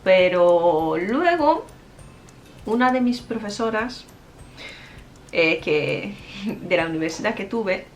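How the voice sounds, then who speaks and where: Speaking fluent Spanish though Japanese is her native language, a woman who teaches Spanish chats as an interview guest. Her pitch is medium, and she goes slowly with long pauses while animatedly telling stories, laughing and using fillers often. Faint music plays behind her.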